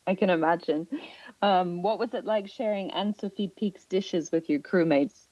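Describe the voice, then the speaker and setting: A woman's voice: fairly low pitch, moderate pace, darkish tone, dry recording. Woman interviewer, dry and slightly dull sound. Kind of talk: prepared interview questions.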